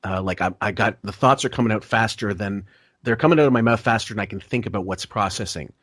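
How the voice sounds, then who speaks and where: A man hosting a casual podcast discussion, blunt and profane, talking in rushing restarts. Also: fairly low pitch, a bit bright, no echo, clean studio sound. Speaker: podcast host.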